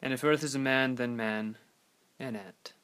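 A man's voice: medium pitch, steady tone, moderate pace, fairly bright tone, close to an everyday voice. A man putting on a British accent to play a guest poet on a casual podcast, speaking in an overly polite, mock-formal way. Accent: put-on British. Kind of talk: podcast guest reciting a poem.

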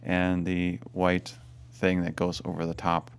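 Male priest, very low voice with gravelly fry, chatty and friendly. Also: completely flat delivery, a little slow. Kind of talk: casual chat.

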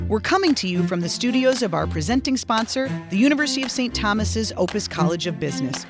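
A woman hosting a business podcast from a studio, reading a polished introduction and then interviewing her guest. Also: mid-range voice. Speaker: podcast host and magazine editor.

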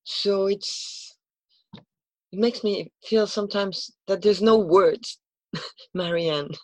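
A woman's voice: medium pitch, slow, a little mellow, dry recording, poor audio. A native Spanish-speaking woman with a Spanish accent talks earnestly and emotionally, repeating herself and searching for English words as if translating in her head. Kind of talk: heartfelt conversation.

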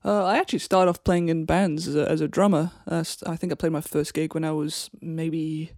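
Gravelly Welsh woman, easygoing guest. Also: low voice, brisk, no room sound, clean studio sound. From Wales. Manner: relaxed, patiently explaining. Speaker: guest musician. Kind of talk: casual interview chat.

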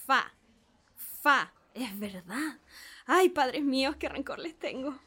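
An eager, naive middle-aged gentleman, played by a woman, marvels aloud at every sound he is taught. The voice sits high and swoops wildly up and down. It is a dramatic reading, full of wonder. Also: lively intonation, slow, husky, full character voice. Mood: awed, eager. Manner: gushing, repeats sounds with wonder. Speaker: reader playing a pupil.

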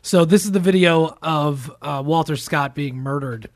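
A man hosting a casual podcast, upbeat and animated as he welcomes listeners and sets up topics. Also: fairly high pitch, a little slow. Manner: upbeat, animated promo delivery. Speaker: podcast host.

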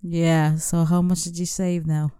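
Slow, mellow-voiced playful woman co-host. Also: lowish voice, flat delivery, smooth, no room sound, clean studio sound. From Philippines. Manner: playful, laughs often, short replies. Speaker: podcast co-host. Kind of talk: casual chat.

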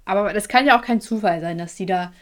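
A young woman chatting casually on a podcast, telling an animated story in colloquial slang and acting out the other people's lines. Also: mid-range voice, fast. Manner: animated storyteller, acts out quoted dialogue. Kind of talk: casual chat.

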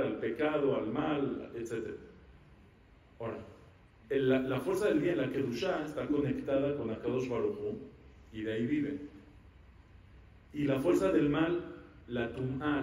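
A rabbi giving an animated Torah lecture, asking the audience questions and answering them himself. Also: male voice, medium pitch. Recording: echoey room, mic at a distance.

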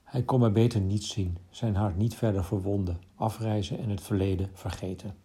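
A man reading a literary short story aloud in a calm, measured narration. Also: fairly low pitch.

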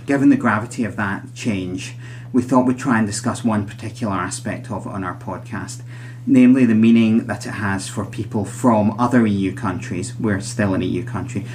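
A man's voice: fairly low pitch, a little mellow, slight background noise. A man hosting a psychology podcast in conversational style, chatty, with wry asides, in a recording room with guests.

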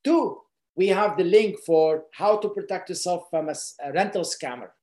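A man's voice: high-pitched, moderate pace, mellow, reverberant. A man from Lebanon, co-founder of a company, speaking earnestly and personally, with frequent fillers and repeated words.

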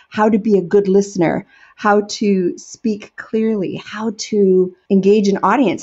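A woman's voice: medium pitch, mellow. American woman, earnest storyteller, lo-fi sound. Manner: earnest, enthusiastic, reflective. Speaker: storyteller and educator. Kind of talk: interview answers.

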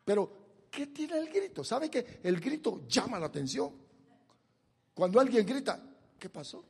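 High-voiced, slow dramatic preacher. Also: male voice, very animated, vocal fry, breathy edge, in a large hall. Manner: dramatic swings from soft to shouted. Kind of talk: sermon.

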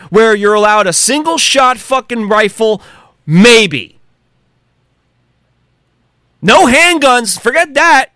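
A man's voice: high-pitched, sharp tone, dry recording, clean studio sound. An American man delivering a heated, profane monologue rant, angry and sarcastic. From United States. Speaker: commentator.

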